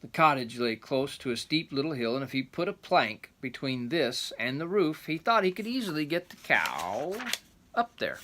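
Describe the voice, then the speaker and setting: An older man reads a folk tale aloud like a rambling grandpa, tossing in folksy asides and plain explanations. His voice is a little high with a sharp tone.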